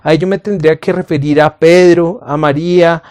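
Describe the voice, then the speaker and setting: A man's voice: fairly high pitch, steady tone, normal speed, darkish tone. Man teaching a Bible lesson. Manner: patient, addresses listener as friend, rhetorical questions. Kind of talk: scripted Bible lesson to camera.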